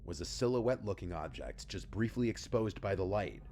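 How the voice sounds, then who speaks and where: Man, deep pitch, documentary-style scripted narration, measured, ominous, noisy backdrop. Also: expressive, mellow.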